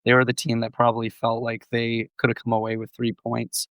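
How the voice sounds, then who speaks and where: With a completely flat delivery, a man at medium pitch speaks in a clear, resonant, slightly bright tone, with no room sound. A co-host of a casual sports podcast, he gives measured, thoughtful breakdowns of match plays while his voice mends after a cold.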